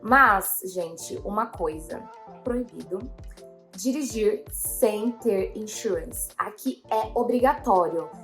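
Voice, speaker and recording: Young woman vlogging, rambles and quotes herself a lot, mid pitch, faint music under her. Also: lively intonation, takes it slowly, fairly bright tone. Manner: rambling, many fillers, quoting herself. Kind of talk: casual storytelling to viewers.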